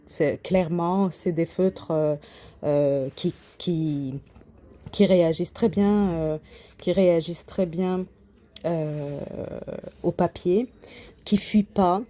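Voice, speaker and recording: Slow mellow-voiced Québécoise craft vlogger. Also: female voice, fairly low pitch. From Quebec. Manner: hesitant, many fillers and restarts. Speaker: craft channel host. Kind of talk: casual show-and-tell vlog.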